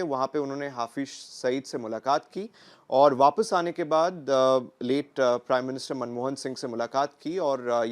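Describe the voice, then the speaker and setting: A man's voice: medium pitch, darkish tone. A male news anchor posing questions to a guest hesitantly, with frequent fillers. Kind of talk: live interview questions.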